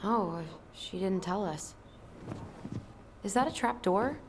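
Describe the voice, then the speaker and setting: A woman's voice: medium pitch, lively intonation, takes it slowly, background noise. An actress playing a blunt, frustrated young American woman in a dramatic video game. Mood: curious, quiet. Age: young adult. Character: blunt, frustrated young woman confronting an older family friend.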